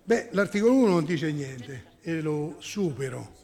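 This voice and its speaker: Brief: councillor, man, fairly high voice, combative, stop-start, reverberant hall. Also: lively intonation, measured pace, warm tone. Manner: argumentative, corrects himself often. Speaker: town councillor. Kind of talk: formal council debate. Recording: echoey council chamber.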